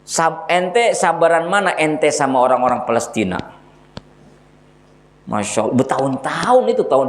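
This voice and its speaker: A man giving a lively religious sermon, telling jokes and stories and speaking directly to the congregation. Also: mid-range voice. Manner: animated storytelling, addresses listeners directly. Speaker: Islamic religious teacher.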